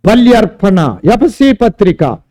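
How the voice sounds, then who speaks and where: A man's voice: high-pitched, sing-song, takes it slowly, warm tone. A man preaching a sermon at a church service, emphatic and drawing out key words. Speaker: pastor.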